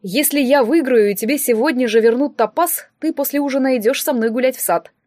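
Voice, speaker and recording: A woman reading as a caring young man, easygoing and gently teasing, in a storybook voice that stays close to the reader's own. a mild, friendly tone that never strays far from her plain delivery. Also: high-pitched, brisk, dry recording, natural voice. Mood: concerned.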